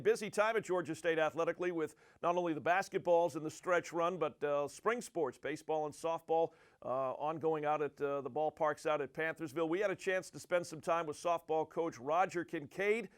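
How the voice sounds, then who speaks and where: A man hosting a sports update show, introducing segments in a steady, conversational way. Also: a little high, brisk, few pauses, smooth.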